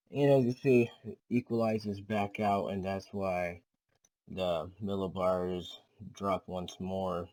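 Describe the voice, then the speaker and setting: A man's voice: sits low, darkish tone, low-quality recording. A man hosting his own weather channel, walking through a storm forecast casually, hesitant and full of fillers, with a slight stutter. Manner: hesitant, repeats himself, many fillers; self-admitted slight stutter.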